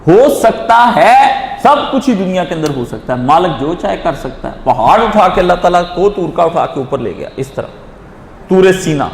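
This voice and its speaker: A man's voice: high-pitched, big pitch swings. A man, answering religious questions in an emphatic, repetitive lecture style and acting out quoted voices. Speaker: Islamic teacher answering questions. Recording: echoey hall with faint noise.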